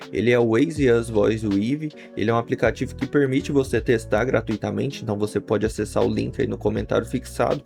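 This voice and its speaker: Brazilian male reviewer, creaky mid-pitched voice, casual tutorial delivery, light music bed. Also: a little mellow. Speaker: YouTube software reviewer. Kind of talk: casual scripted-sounding product tutorial. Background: faint guitar music.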